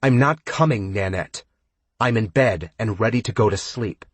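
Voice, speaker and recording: An irritated young woman who snaps short replies with barely hidden annoyance, as a male narrator puts her on. Her voice is lifted a little above his own and stays somewhat husky. It is recorded close and dry. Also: fairly low pitch, moderate pace, no echo, pitched above the performer's own voice, lightly acted. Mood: annoyed. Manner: terse, frustrated, snappish.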